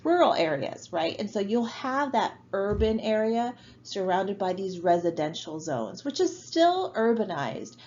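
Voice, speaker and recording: A woman's voice: medium pitch, sing-song, measured pace, hardly any pauses, a little mellow, muffled recording, slight background noise. A woman teaching a college geography class in a recorded online lecture, talking casually with many fillers and tag questions. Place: home.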